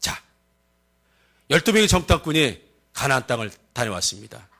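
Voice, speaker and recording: A male pastor preaching a sermon with animated storytelling and laughter. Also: mid-range voice, moderate pace. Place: church sanctuary.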